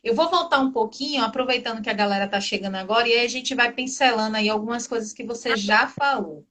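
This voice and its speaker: A woman in her thirties with a Brazilian Portuguese accent, hosting a live video chat in a quick, chatty way. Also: a little high, fairly bright tone. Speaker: live show host.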